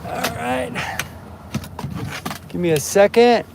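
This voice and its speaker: A man's voice: extremely high pitch, lively intonation, slow, vocal fry. A man hosting a casual live stream, talking to his chat in an upbeat way while walking outdoors with a handheld phone. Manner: upbeat, talks straight to chat. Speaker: livestream host. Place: outdoors at a truck stop parking lot. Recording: phone audio with loud outdoor noise. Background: vehicle and outdoor noise.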